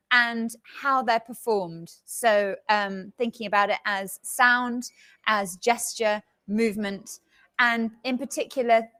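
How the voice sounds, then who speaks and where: A woman's voice: on the high side, fairly bright tone. Reflective woman artist with a lightly raised voice. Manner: reflective and halting, with ums. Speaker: language artist on a panel. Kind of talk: introducing herself on a live panel. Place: live talk event before an audience.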